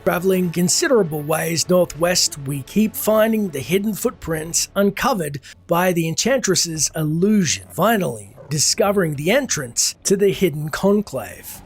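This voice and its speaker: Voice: medium pitch, expressive, moderate pace, hardly any pauses, breathy edge, soft background music. A narrator telling a video game's story in formal, scripted storytelling style. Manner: formal storytelling in first person plural.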